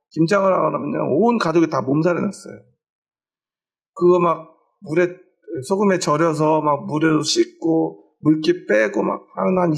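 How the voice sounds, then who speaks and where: High-voiced, gravelly Korean pastor preaching. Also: male voice. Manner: asks the congregation questions and answers them himself; tells homely everyday stories to make his point. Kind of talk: sermon. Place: church.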